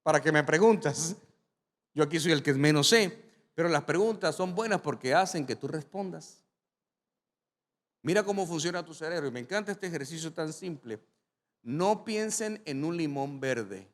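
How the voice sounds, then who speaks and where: A male pastor preaching a sermon, telling stories with animation and rising to sudden loud climaxes. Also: fairly high pitch, lively intonation, normal speed.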